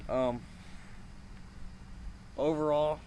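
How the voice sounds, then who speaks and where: A young man giving a casual, rambling review in a halting, informal way, talking with chewing tobacco packed in his lip. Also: on the high side, steady tone, mellow, slight background noise, rough recording. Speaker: amateur product reviewer.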